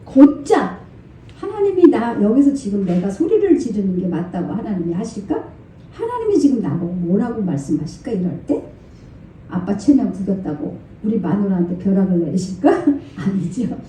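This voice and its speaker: An older woman, a senior pastor, gives a lively, conversational Friday night sermon. She laughs often and acts out people's inner thoughts. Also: medium pitch, normal speed, slight background noise. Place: church sanctuary. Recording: very echoey church hall, from far off.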